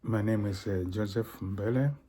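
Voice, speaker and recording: An older man from Tanzania giving a solo talk as a professor and cultural consultant, halting, with many fillers and throat-clearing. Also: lowish voice, fairly even intonation, warm tone, slight background noise.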